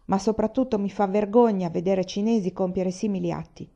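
A woman's voice: medium pitch, steady tone, fairly quick, vocal fry, mellow, muffled recording, lightly acted. A woman reading the lines of an idealistic young man, indignant and pleading against cruelty.

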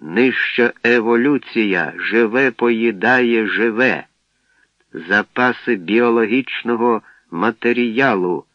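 A man voicing a calm male ship robot that speaks in a measured, clipped, businesslike monotone. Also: mid-range voice, no room sound, natural voice. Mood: flat calm. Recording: dry, dull lo-fi recording.

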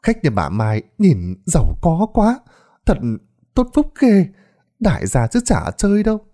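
Gossiping neighbors fawn over wealthy guests, voiced by a man telling the story. The voice lifts high and sing-song. Gushing all the way. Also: wildly swooping pitch, unhurried, mellow. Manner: gushing, fawning.

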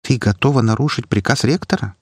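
A man's voice: medium pitch, fairly quick, breathy edge, dry recording, clean studio sound, pitched above the performer's own voice, close to an everyday voice. A man voicing Svetlana, a worried, sensible young woman student who reproaches and cautions the others. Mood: reproachful.

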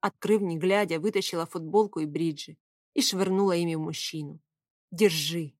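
A woman's voice: fairly low pitch, steady tone, fairly quick, a little mellow, dry recording. A woman narrating a first-person novel in an audiobook, reading with emotional expression at a close mic.

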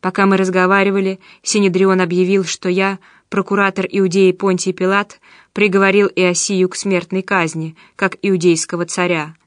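Brief: woman narrator doing an anxious, whispering Roman governor; quiet, dry close read. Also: mid-range voice, flat delivery, moderate pace, no echo, natural voice. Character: frightened, confused ancient Roman governor, man.

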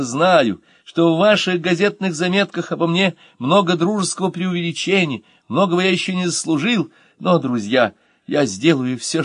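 A gushing young poet, voiced by a male audiobook reader, his voice raised and swooping through a wide range. He talks in an effusive, high-flown manner, and the sound is close and dry. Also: no room sound. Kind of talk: audiobook character voice.

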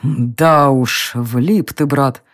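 A woman's voice: low-pitched, sing-song, normal speed. A woman voicing an exasperated elf king who grumbles and hastily placates his wife in a storybook reading. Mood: gruff.

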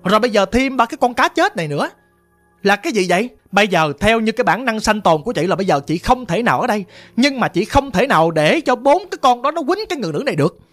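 A woman's voice: a little high, big pitch swings, fast. A woman with a Southern Vietnamese accent narrates a first-person ghost story, piling up vivid detail with emphatic repeats. Faint music plays under her voice. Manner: vivid, emphatic, repetitive telling.

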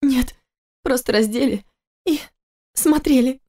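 A woman voicing a frightened young wife who pleads and sobs, in a higher voice than her narration. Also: slow, dark tone, exaggerated voice. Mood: tearful pleading. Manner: sobbing, pleading.

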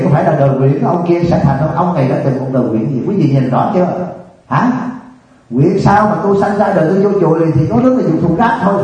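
A man's voice: high voice, a little mellow. A Buddhist monk, giving a dharma talk. He tells stories, acts out the dialogue and puts questions to the audience. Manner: storytelling, acting out dialogue, asking the audience questions. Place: meditation hall. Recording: echoey distant hall recording, dull.

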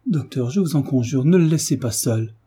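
A man's voice: mid-range voice, moderate pace, mellow, husky, lightly acted. A man reading the lines of a desperate young mother in an audiobook. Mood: pleading.

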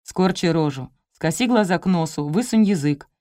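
A woman voicing a young man, a brisk and businesslike best friend, in an audiobook. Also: on the low side, animated, dark tone, no echo, studio quality, natural voice. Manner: brisk, matter-of-fact.

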